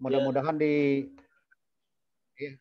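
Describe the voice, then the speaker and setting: A man's voice: mid-range voice, level tone, dull audio, a crowd in the background. Man on breaking-up video-call audio. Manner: polite and halting, with restarts. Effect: choppy video-call audio that keeps breaking up. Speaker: school representative giving welcome remarks. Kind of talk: formal remarks in an online video meeting.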